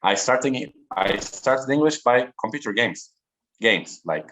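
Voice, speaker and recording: A man in his thirties from Turkey, a native Turkish speaker giving an online talk to students slowly and deliberately over a video call. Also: medium pitch, lively intonation, a bit bright. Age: 30s. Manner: slow, deliberate and interactive.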